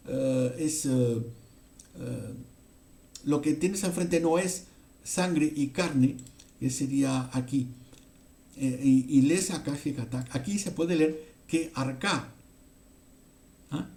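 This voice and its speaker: A man from teaching a Bible passage in a halting way, with many fillers and frequent "ok?" check-ins. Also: on the high side, warm tone. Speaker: preacher.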